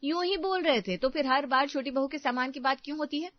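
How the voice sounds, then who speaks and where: A woman voicing a resentful young elder daughter-in-law in a cartoon family story, complaining in sharp retorts. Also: high-pitched, fairly quick, dry recording, close to an everyday voice. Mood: indignant. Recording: dry, dull lo-fi voice track.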